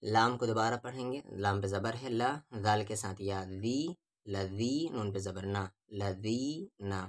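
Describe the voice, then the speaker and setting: A man teaches Quran reading with tajweed, spelling out syllables one at a time before reciting each verse slowly and drawn out. His voice is on the low side, with fairly even intonation.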